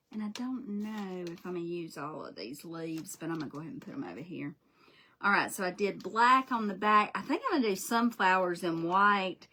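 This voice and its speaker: Lady doing a craft live at home, bright voice, folksy rambling chat, talks to viewers. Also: on the low side. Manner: chatty, folksy, greets viewers by name. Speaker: craft livestream host. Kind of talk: casual livestream chat while painting.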